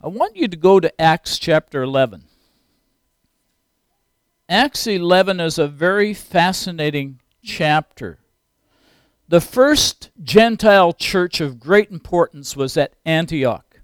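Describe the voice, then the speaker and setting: Older preacher, clean dry voice. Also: male voice, fairly high pitch, clear, resonant tone, dry recording. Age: 60s. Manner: earnest preaching, rising to emphatic peaks. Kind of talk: sermon.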